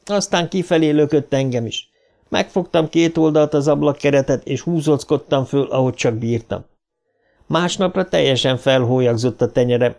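A man narrating an audiobook in a measured, first-person storytelling manner. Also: a little high, gravelly, a little mellow.

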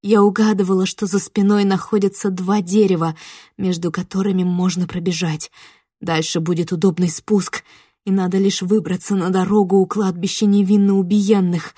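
Husky woman reading a horror story. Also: medium pitch, darkish tone, no room sound, clean studio sound. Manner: tense, dramatic storytelling. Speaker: audiobook narrator. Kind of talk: scripted first-person horror narration.

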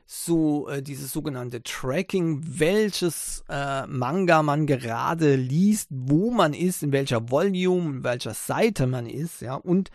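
A man's voice: fairly high pitch, animated, takes it slowly, hardly any pauses, dry recording, studio quality. A man hosting a tech podcast, talking casually with many fillers and sarcastic asides. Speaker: podcast host.

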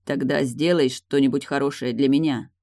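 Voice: medium pitch, steady tone, normal speed, darkish tone, no room sound, studio quality, lightly acted. A reader voicing a frustrated man who keeps pressing for answers in an audiobook dialogue. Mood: pleading.

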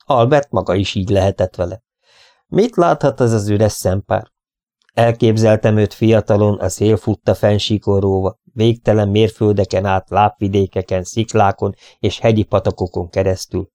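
A male audiobook narrator reads a scripted text in an expressive, measured storytelling style. His voice is lowish, and the studio-quality recording has no echo.

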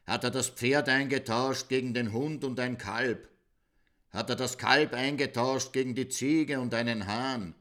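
A man reading a folk tale aloud in a measured, deadpan way. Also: medium pitch. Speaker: storyteller.

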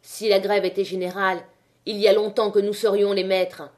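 A woman voicing a male miner who leads a strike, addressing a crowd with rousing, forceful speech in an audiobook reading. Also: mid-range voice, level tone, moderate pace, close to an everyday voice. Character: male miner, strike leader, fiery orator.

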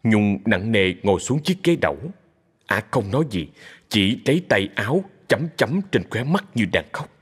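A low, husky man's voice narrates a dramatic tale, rising and falling with a lively melody. A long reverb hangs behind him. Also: moderate pace. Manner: steady, expressive storyteller.

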